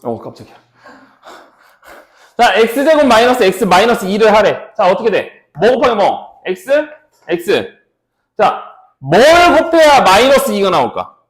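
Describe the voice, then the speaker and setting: A man's voice: sits high, big pitch swings, unhurried, echoey room. A man teaching a math class, walking students through factoring step by step and checking in with them often. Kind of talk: classroom lecture.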